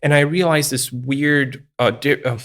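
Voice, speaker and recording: A Polish man whose first language is Polish appears as a podcast guest in a casual interview chat, speaking hesitantly with many halting restarts and fillers. His voice is medium in pitch, steady, and fairly bright.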